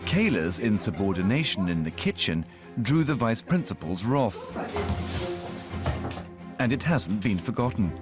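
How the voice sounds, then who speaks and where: A man's voice: lowish voice, very animated, a little slow, pauses often. A man giving dry, wry scripted narration for a reality show. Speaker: documentary narrator. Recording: narration over music.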